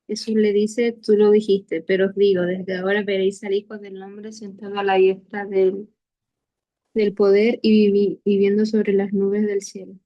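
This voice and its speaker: A Chilean woman reads a Bible passage aloud in an even, flat tone at a middle pitch. The sound is muffled and lo-fi. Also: normal speed, dry recording. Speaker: scripture reader.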